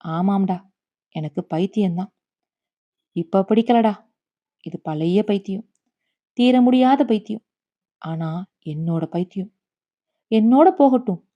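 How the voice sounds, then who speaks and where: A woman voicing an elderly grandmother in a story. The grandmother is grieving and stubborn, and shifts between scolding and quiet bitterness. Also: mid-range voice, moderate pace, long pauses, highs cut off, natural voice. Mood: bitter. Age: over 60.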